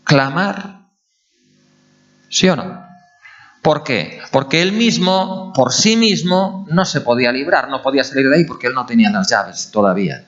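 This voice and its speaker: A male pastor, preaching a sermon in an animated way and asking his congregation questions. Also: medium pitch. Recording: dull lo-fi recording.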